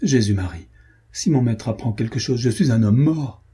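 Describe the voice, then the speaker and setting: A man's voice: on the low side, fairly quick, mellow, husky. A man reading as a frightened boastful squire. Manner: blustering, then pleading and scared.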